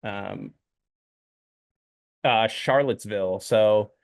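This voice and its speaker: A man's voice: lowish voice, slow, dry recording, studio quality. Rambling man on a podcast. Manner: rambling, many ums and uhs. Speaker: podcast co-host. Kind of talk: casual chat.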